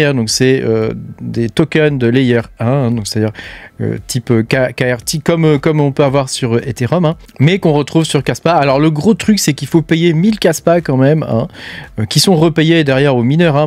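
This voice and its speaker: Casting note: a man hosting, fairly high voice, casual chatty roundup, dry close mic. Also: a little mellow, dry recording. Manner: chatty, frequent filler tags and hesitations. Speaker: crypto mining channel host.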